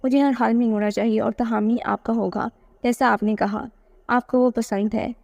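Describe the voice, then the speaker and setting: A woman's voice: a little high, fairly even intonation, moderate pace, creaky, a little mellow, dry recording. A woman voicing a scheming, possessive young man who talks eagerly, in a read-aloud novel.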